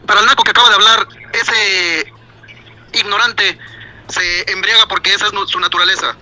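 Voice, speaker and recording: A man's voice: high voice, fairly even intonation, moderate pace, sharp tone, rough recording. An indignant man phoning in to a radio show and scolding another caller.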